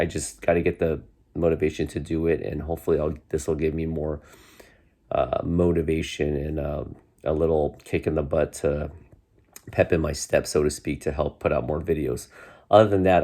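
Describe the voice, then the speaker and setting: Talking to his viewers from his bedroom, this vlogger in his forties rambles casually, full of fillers and restarts. He's still stuffed up from a cold, and his voice is deep and warm.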